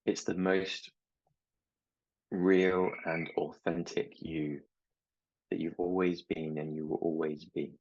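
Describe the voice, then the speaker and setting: A low-voiced middle-aged man with a husky edge, speaking as a mindset coach. He talks in a slow, gentle, reflective way, and the recording sounds slightly dull. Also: flat delivery. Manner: slow, gentle and reflective, with anecdotes about his children. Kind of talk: reflective talk to camera.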